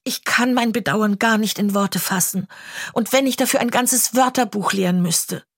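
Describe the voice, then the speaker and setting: A woman's voice: medium pitch, normal speed, no echo, clean studio sound, natural voice. A woman reading an audiobook, voicing a chatty, dramatic orphan girl in a trembling, gushing way. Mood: pleading.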